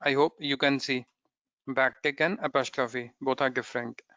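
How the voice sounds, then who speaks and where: A man's voice: mid-range voice, fairly even intonation, moderate pace, pushed and bright, no echo, highs cut off. A man teaching a coding tutorial step by step, often checking in with "okay?", in non-native English phrasing. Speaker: programming instructor. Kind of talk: screen-recorded coding tutorial.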